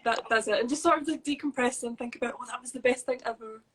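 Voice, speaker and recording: A woman's voice: a little high, fast, breathy edge, low-quality recording. A woman guesting on a podcast, chatting casually and poking fun at herself. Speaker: podcast guest and host of another show. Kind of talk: casual chat.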